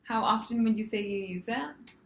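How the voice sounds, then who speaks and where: A woman's voice: fairly high pitch, normal speed, vocal fry. A young woman interviewing a patient in a mock nurse intake, working through checklist questions and answering with a repeated "very nice". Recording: echoey room, faint noise.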